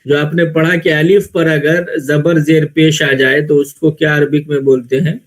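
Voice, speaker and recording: A man's voice: on the high side, little pitch movement. A man teaching Arabic grammar in Urdu with an Indian Urdu accent, explaining step by step and answering his own questions. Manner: explains slowly, asks questions and answers them himself. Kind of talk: classroom lecture.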